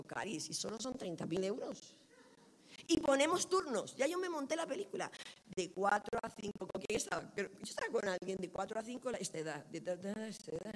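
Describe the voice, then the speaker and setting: A middle-aged woman preaching from a pulpit. Her voice keeps a moderate pitch. She tells stories animatedly and acts out each quoted line. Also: slight background noise. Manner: animated storytelling, lively quoted dialogue. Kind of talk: sermon.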